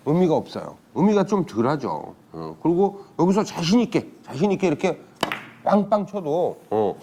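Male billiards instructor, slightly high voice, very animated pitch, talks casually and keeps quizzing viewers. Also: normal speed, a little hiss or hum. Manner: chatty, asks viewers rhetorical questions. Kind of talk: casual spoken lesson.

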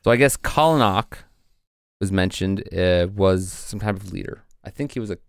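A man's voice: low-pitched, moderate pace, gravelly, no room sound, clean studio sound. A man co-hosting a casual podcast, reading passages from old texts with frequent fillers. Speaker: podcast co-host presenting research.

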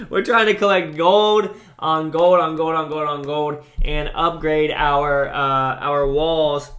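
Bright-voiced young man, upbeat game commentary. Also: a little high. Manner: chatty, upbeat, lots of fillers and restarts. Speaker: gaming YouTuber. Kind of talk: casual gameplay commentary.

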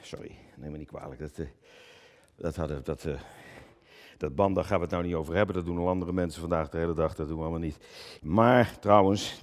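A man performing a theatrical stage monologue, swinging from booming declamation to low muttered asides, often stammering and repeating words. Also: a little mellow. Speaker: cabaret performer.

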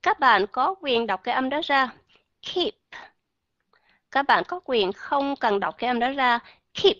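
A woman teaching English pronunciation in an online class, explaining patiently and modeling words slowly. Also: sits high, animated, bright, forceful tone, no echo, lo-fi sound.

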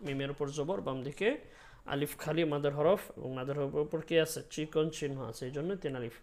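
A man gives a spoken recitation lesson at a patient, unhurried pace. His voice sits a little high, and he pauses often with fillers between points. He slips into long, drawn-out chanted syllables as he demonstrates. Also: steady tone, darkish tone. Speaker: Quran recitation teacher.

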